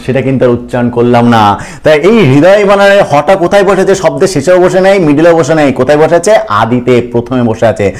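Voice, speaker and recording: A man's voice: fairly high pitch, animated, quick pace, a little mellow. A man teaching a grammar lesson. He asks questions and answers them himself, calls the viewers friends and repeats the key points.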